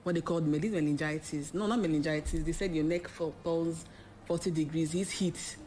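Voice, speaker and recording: Deep-voiced woman guest, asks and answers her own questions, faint noise. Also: steady tone, fairly quick, dark tone. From Nigeria. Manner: emphatic, rhetorical questions. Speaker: expert guest. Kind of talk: explaining on a talk show.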